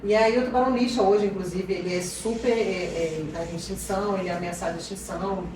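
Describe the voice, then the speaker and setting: A woman in her forties with a Minas Gerais accent talks warmly and casually as an interview guest, laughing easily and restarting her phrases. Her voice sits well back from the mic. The room rings with heavy echo over a clear bed of background noise. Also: mid-range voice, quick pace, distant mic. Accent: Minas Gerais Portuguese. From Minas Gerais, Brazil. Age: 40s. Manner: lively, laughs, many restarts. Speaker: marine biologist guest.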